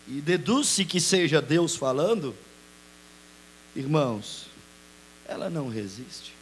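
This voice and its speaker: A man, preaching a sermon as pastor, dropping to murmurs and rising to shouts. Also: a little high, slight background noise.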